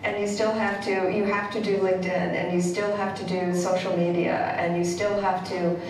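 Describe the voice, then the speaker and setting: Woman in her sixties, emphatic repeating points, echoey distant sound, faint rumble. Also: level tone, normal speed. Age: 60s. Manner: emphatic, repetitive. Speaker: design consultant. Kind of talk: interview.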